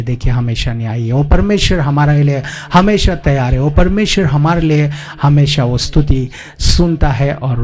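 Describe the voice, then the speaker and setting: A man's voice: on the high side, a little mellow. A male pastor delivering a sermon, often asking rhetorical questions and repeating phrases for emphasis. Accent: Indian.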